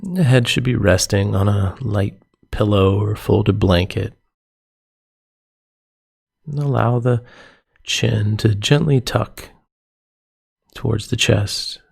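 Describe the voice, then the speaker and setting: A man's lowish, gravelly, slightly rough voice guides listeners through a yoga nidra meditation. The instructions come gently and calmly, unhurried, separated by pauses.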